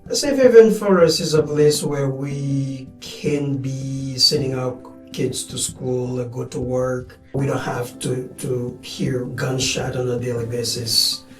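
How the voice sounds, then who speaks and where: A man's voice: mid-range voice, steady tone. Man, roomy and distant. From Haiti. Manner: measured, plain, with some hesitations. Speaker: guest, community director. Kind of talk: interview answers. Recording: roomy sound from a distance with faint music.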